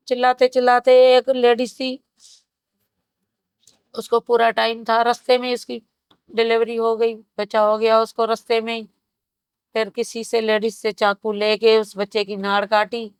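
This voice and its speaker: Grave, smooth-voiced woman in her fifties. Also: fairly high pitch, measured pace, long pauses, dry recording. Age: 50s. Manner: grave, steady retelling in short phrases. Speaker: survivor interviewee. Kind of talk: personal testimony in an interview.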